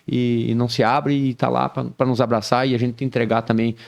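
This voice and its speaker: Man, mid-pitched with a gravelly edge, earnest guest who talks openly and casually. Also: level tone, fairly quick. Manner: earnest, tag questions "né", "sabe". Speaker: band musician guest. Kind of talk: casual podcast talk.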